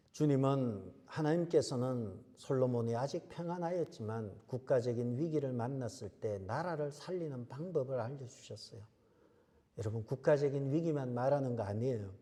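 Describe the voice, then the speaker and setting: A man's voice: medium pitch, dark tone. A man preaching a sermon as pastor, emphatic, repeating key phrases and asking rhetorical questions. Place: church sanctuary. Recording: church hall reverb.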